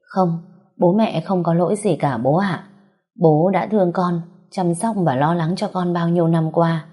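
A woman's voice: fairly low pitch, unhurried, dark tone, slightly rough. A woman voicing a young adult daughter who pleads through tears, in a storybook reading. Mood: tearful. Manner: sobbing, pleading.

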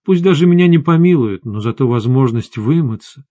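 A man's voice: medium pitch, animated, brisk, warm tone, no room sound, clean studio sound, close to an everyday voice. A man voicing a weary, stern sorceress. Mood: grave.

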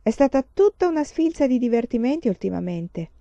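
A woman voicing a calm, firm frontier mother in a storybook reading, steady and measured. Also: fairly high pitch, no room sound, pitched above the performer's own voice. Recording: dull lo-fi recording.

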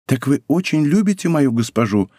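A man reading an audiobook voices a gentle young female maid who speaks softly and pityingly. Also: mid-range voice, sing-song, moderate pace, dry recording, studio quality.

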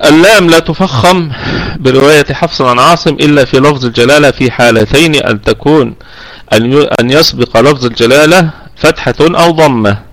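A man with an Egyptian accent, teaching Quran recitation rules in an online lesson. He explains patiently, stretches out the words he demonstrates and fills pauses with drawn-out "aah" sounds. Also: a little high, a bit bright, no echo, low-quality recording. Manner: frequent drawn "aah" fillers between points.

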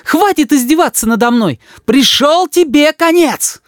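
A man's voice: sits high, sing-song, normal speed, darkish tone, no echo, studio quality, pitched above the performer's own voice. A man reading a story aloud and voicing a hot-tempered mother who moans and shrieks. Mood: furious. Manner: shrieking and moaning.

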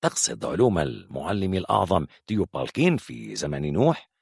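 A man voicing a hostile, impatient armed young man who interrogates harshly, in a gravelly, husky voice. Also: wildly swooping pitch, fairly quick, a little mellow, no echo, clean studio sound, heavily acted. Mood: harsh, demanding. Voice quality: gravelly, husky, higher than narrator. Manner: harsh, threatening, demanding questions. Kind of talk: audiobook character voice.

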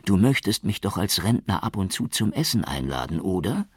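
Guy doing a fussy older lady secretary, scolding, pitched way up from his low husky voice. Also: very animated, moderate pace, darkish tone, dry recording, clean studio sound, heavily acted. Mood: scolding, worried. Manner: fussing, scolding, caring. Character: worried, motherly older female office secretary. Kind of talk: audiobook character voice.

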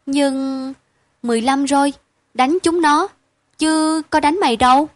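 A woman reading aloud and voicing a sheltered, soft-hearted boy who speaks earnestly. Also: sits high, a little slow, no echo. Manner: earnest, questioning.

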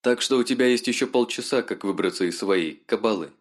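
A man's voice: on the low side, fairly quick, voice pushed up, close to an everyday voice. Mocking sly noblewoman, as a man puts her on.

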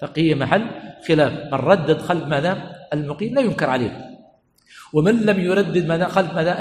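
A man gives a religious lesson in a hall with long echo. His voice sits a little high and he talks quickly. He keeps pausing on "what?" so the class finishes each phrase. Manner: keeps asking "what?" and has listeners finish the word, repeats key phrases. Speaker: religious teacher. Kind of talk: Islamic study lesson. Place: mosque learning center hall. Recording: echoey hall, faint room noise.

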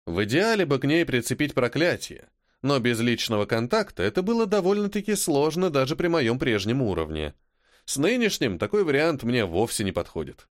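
A man reading a first-person audiobook with wry, sardonic humor. His delivery is highly animated, rising and falling a lot, at a middle pitch. The recording is close and completely dry. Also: brisk, no echo. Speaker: audiobook narrator.

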